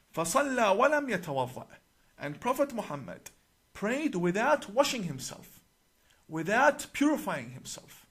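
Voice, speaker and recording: A man speaking as a religious cleric, giving a deliberate, emphatic explanatory talk to camera and citing sources page by page. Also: high-pitched, fairly bright tone, slightly rough.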